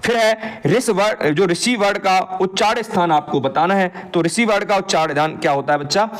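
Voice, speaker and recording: A man's voice: high voice, normal speed. A man teaching an exam answer walkthrough, asking his students a question and then answering it himself.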